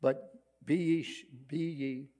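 A male pastor with a Brooklyn accent delivers a sermon in a fairly high, mellow voice. He preaches with emphasis but keeps it conversational, often putting rhetorical questions to his listeners. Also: steady tone, slow. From Brooklyn, New York.

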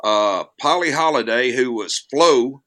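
An older man with the folksy manner of a Southern gentleman and a Southern American accent. He talks slowly in a bright, forward voice at a middle pitch, as a guest in a casual interview. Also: lively intonation. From Alabama, United States. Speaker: podcast guest, actor.

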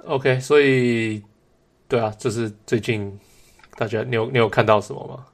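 This man speaks at a medium pitch with fairly even intonation and a moderate pace. As a co-host, he chats casually about sports, switching between Mandarin and English and dropping English words into his speech.

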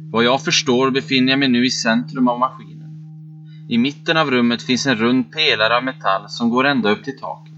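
A man telling a first-person story as scripted narration, in a measured, steady delivery. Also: mid-range voice. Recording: dull, muffled recording with faint background music.

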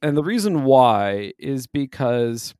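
A man co-hosting a podcast in casual chat, animated and often laughing. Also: medium pitch, slow, smooth, no echo, clean studio sound. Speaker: podcast co-host.

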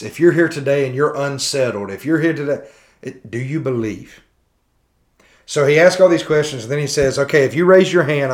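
Man dissecting a sermon on a podcast. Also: medium pitch. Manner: conversational, repetitive questions, thinking aloud with restarts. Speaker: podcast host. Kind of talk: critiquing a sermon, podcast commentary.

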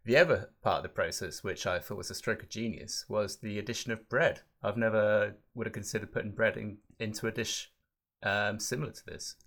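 A man's voice: on the low side, brisk, fairly bright tone. A man co-hosting a food podcast, talking in a hesitant, filler-heavy way and laughing easily. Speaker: podcast co-host. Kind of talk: casual chat.

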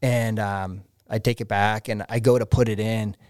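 A man's voice: lowish voice, level tone, moderate pace, darkish tone, smooth. A man telling anecdotes in a casual, slangy way, acting out bits of dialogue as he goes. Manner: laughs often, acts out dialogue, slangy. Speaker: podcast guest, trail builder. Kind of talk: animated anecdote, casual chat.

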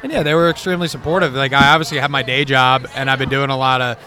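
Young man, easygoing chatty creator, mid-pitched voice. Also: fairly even intonation, very fast, pushed and bright. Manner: laid-back, rambling, says bro and man. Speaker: comedy content creator. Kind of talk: casual chat.

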